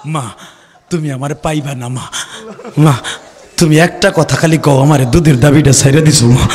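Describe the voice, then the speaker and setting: A man's voice: fairly high pitch, steady tone, normal speed, noisy background, voice pushed down, close to an everyday voice. A male preacher voicing a young man who pleads with his mother for forgiveness, in a sermon. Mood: pleading. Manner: pleading, lamenting.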